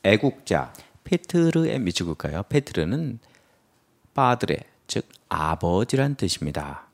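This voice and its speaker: A man's voice: on the low side, very animated, unhurried, creaky. A man teaching English vocabulary, explaining word roots and acting out example sentences with playful memory tricks. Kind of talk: lively vocabulary lecture.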